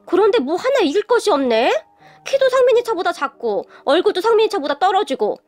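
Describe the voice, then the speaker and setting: A woman's voice: extremely high pitch, sing-song, a little fast, a little mellow, pitched above the performer's own voice. A woman voicing a nagging, snobbish middle-aged mother-in-law-to-be who complains in a whiny voice.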